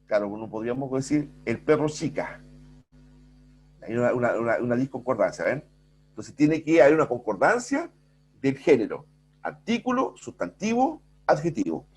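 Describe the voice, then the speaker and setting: A man's voice: mid-range voice, very animated, moderate pace, darkish tone, slightly rough. A middle-aged man, teaching a recorded grammar lesson and often checking in with the class. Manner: explains with many rhetorical checks and self-corrections. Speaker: school language teacher. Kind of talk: recorded virtual class lecture.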